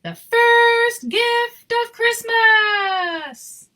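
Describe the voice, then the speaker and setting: Woman as grand, jolly old Santa Claus, bright. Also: very high voice, expressive, voice pushed up, full character voice. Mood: triumphant. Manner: slow, grand proclaiming.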